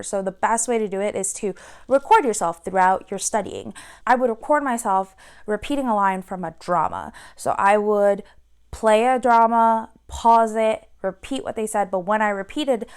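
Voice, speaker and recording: A young woman speaks to the camera with casual advice on learning a language, chatty and animated as she playfully acts out her own reactions. Her voice is medium in pitch with a clean tone.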